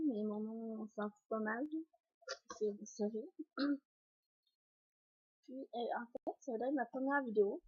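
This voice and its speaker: A young woman with a Québécois accent talks casually through her beauty products, hesitant and full of fillers, often clearing her throat. Her voice sits a little high and husky. The recording is dull and lo-fi, like a home camera. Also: a little mellow. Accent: Québécois French. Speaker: beauty vlogger. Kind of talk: casual unboxing vlog. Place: home, indoors by a sunny window.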